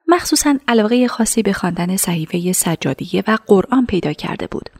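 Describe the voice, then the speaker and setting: A woman narrating a radio drama in a measured, hushed storytelling voice. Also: mid-range voice.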